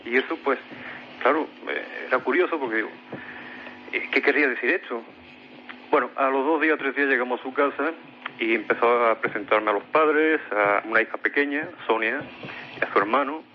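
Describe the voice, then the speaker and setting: A man with a Spanish accent from Spain speaks in a mid-range voice at normal speed, appearing as a guest on a radio mystery show. He recounts a strange paranormal experience he lived through, often hesitating and repeating himself. The recording is muffled, with slight background noise.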